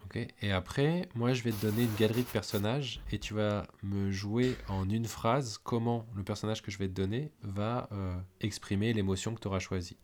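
A man hosting an interview podcast, briskly reading out prompts. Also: on the low side, steady tone, darkish tone, slight background noise. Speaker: host.

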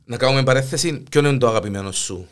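A mature man with a Greek Cypriot accent hosts a casual interview. His voice is medium-pitched, and he interjects often, repeating himself in colloquial dialect. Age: middle-aged or older. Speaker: podcast host.

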